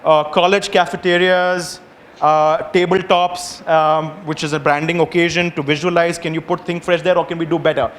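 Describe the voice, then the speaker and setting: Man giving a client presentation, voice a bit high, careful phrasing, slight background noise. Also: little pitch movement, normal speed, a bit bright. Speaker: advertising agency presenter.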